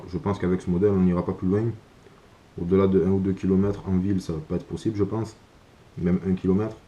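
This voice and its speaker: Deep, very dark-voiced Frenchman. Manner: halting, hesitant phrasing. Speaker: video creator presenting survival gear. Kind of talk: informal explainer vlog monologue.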